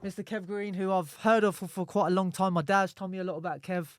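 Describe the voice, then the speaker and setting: A man with a notably high voice hosts a podcast. He puts questions in a casual, chatty style, and the recording is dry with little room sound. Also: steady tone, quick pace, smooth, no echo. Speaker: podcast host.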